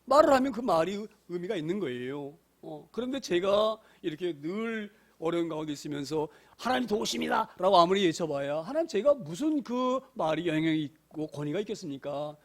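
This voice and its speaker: A middle-aged man preaching as a pastor, fervent, with frequent hallelujahs and swings between loud and soft delivery. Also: sits high, animated, brisk, hardly any pauses. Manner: fervent preaching, repeated hallelujahs, rising and falling loudness. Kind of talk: sermon.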